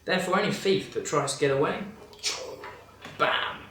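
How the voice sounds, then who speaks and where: A man's voice: fairly high pitch, normal speed, a bit bright, natural voice. A man playing a confident professor giving an emphatic, matter-of-fact infomercial sales demonstration. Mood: eager selling. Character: confident male professor pitching absurd home weapons. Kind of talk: parody infomercial sales pitch. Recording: echoey room, distant mic, faint noise.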